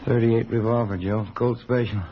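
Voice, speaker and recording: A man playing a brisk, plain-spoken police detective's partner in a 1950s radio drama. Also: mid-range voice, flat delivery, close to an everyday voice. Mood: businesslike. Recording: muffled, very noisy 1950s radio recording.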